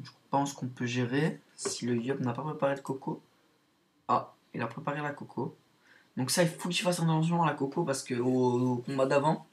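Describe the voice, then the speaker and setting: A man giving casual commentary on his own online game match, hesitant and padding his talk with fillers. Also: mid-range voice. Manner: hesitant, full of "donc" and "euh" fillers.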